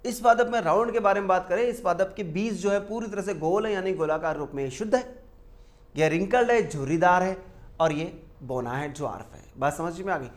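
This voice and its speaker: In a classroom lecture, a male teacher with a high-pitched voice poses questions to the class and then answers them himself. He goes over key terms slowly and repeats them.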